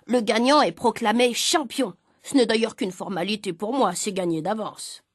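A woman reading aloud gives voice to a cocky middle-aged father, always bragging and quick to bicker. His voice sits lower and quieter than her storytelling, with a teasing edge. The sound is close and dry, with no room around it. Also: dry recording, lightly acted. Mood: boastful, bickering.

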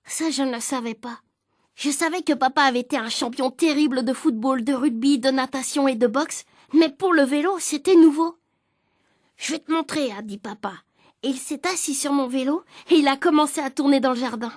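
A woman reading a children's story aloud in the voice of the boy narrator, lively and expressive. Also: high-pitched, fairly quick, no room sound, clean studio sound.

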